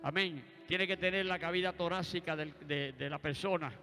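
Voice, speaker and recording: Preacher, man, high bright voice, keeps calling out amen between lines. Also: moderate pace. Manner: punctuates his story with calls of amen and praise. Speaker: preacher giving a testimony. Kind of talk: sermon testimony. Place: church. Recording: church hall reverb with faint music.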